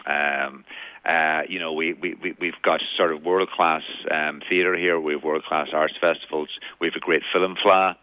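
A man's voice: very deep voice, steady tone, moderate pace, no echo. A middle-aged man with a Donegal Irish accent being interviewed, hesitant and often repeating the starts of his words. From County Donegal, Ireland. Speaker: arts manager, interview guest. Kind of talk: radio phone interview. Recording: muffled, tinny phone line.

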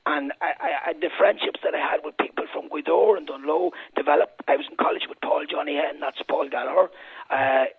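A man in his sixties with a northwest Irish accent, telling anecdotes of his life in a lilting, discursive storyteller's way, with a husky voice. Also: fairly high pitch, a little fast, no room sound. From Ireland, County Donegal and Fermanagh. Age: 60s. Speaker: interview guest. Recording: narrow, dull radio sound.

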